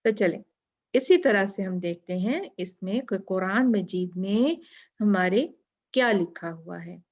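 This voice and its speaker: A woman teaching Quranic pronunciation, repeating letter sounds and reciting verses slowly and carefully. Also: mid-range voice, highs cut off. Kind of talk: Tajweed lesson in Urdu.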